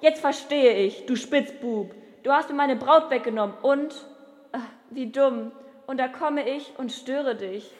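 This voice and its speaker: A woman's voice: sits high, measured pace, long reverb tail. A woman playing a proud, stubborn young nobleman who insists on who he is in an audio drama.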